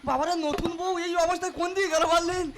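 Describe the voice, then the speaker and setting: A man playing a crude, cocky young son-in-law in a folk stage comedy, bantering fast and cursing. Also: very high-pitched, steady tone. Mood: bossy. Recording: live stage mic with clear noise.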